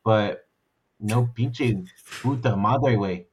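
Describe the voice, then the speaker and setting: A man's voice: lowish voice, extremely slow, husky. A man co-hosting a sports podcast, speaking bluntly and swearing freely about his team's play. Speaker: podcast co-host. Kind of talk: casual podcast banter.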